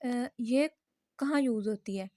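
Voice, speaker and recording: Slightly high-voiced woman teaching linguistics. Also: mellow, no room sound. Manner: patient, repeats each point in Hindi and English; reads English example sentences slowly. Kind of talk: explanatory linguistics lesson.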